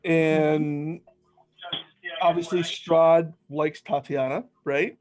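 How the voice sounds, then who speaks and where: Wry, higher-voiced man at the table. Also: steady tone, extremely slow, darkish tone. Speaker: player. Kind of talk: casual table chat.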